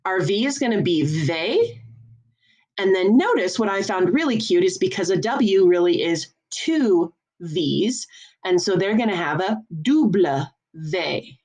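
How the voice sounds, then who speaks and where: A woman teaching a French lesson, explaining each point patiently and enunciating clearly. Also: mid-range voice, animated, moderate pace, a little mellow. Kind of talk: classroom lesson.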